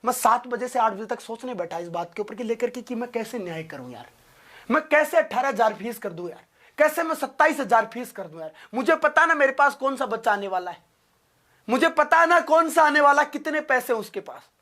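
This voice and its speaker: A young man, a teacher from India, giving his students an impassioned motivational talk, his voice climbing to loud, emotional pleading. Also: extremely high pitch, expressive, a little fast.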